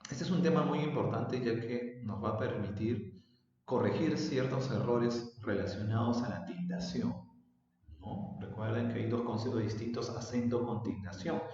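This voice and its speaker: The audio of this recorded remote lesson is dull, roomy, and far off with long reverb. A secondary school language teacher with a dark, medium-pitched male voice explains patiently, elongating his example words.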